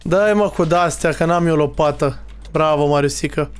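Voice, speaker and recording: High-voiced excitable young man gaming. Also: smooth. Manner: excitable, teasing, talks to viewers and players. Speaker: streamer playing a Minecraft role-play server. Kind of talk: casual gaming commentary.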